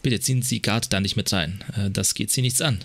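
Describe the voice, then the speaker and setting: A man's voice: fairly low pitch, brisk, a bit bright. Man reading a guarded, tense barmaid. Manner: curt, defensive replies. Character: woman bartender, guarded and tense. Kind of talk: reading game dialogue aloud.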